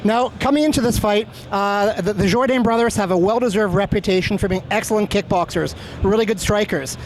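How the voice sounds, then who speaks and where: High-pitched male fight interviewer. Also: a little fast, low-quality recording. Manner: friendly, explanatory, complimentary. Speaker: sports interviewer. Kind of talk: conversational post-fight interview. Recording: faint urban ambient noise behind.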